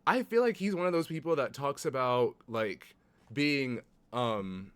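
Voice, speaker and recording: A man's voice: mid-range voice, expressive, unhurried, clean tone. An American man giving casual, informal reaction commentary as a video host, peppering his sentences with filler words. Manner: informal, heavy use of "like".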